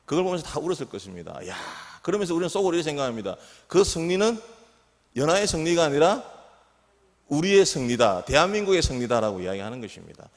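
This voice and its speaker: A man's voice: fairly high pitch, big pitch swings, quick pace. A middle-aged man, a pastor, preaching a sermon to his congregation and often asking them questions. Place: church sanctuary. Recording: reverberant church hall.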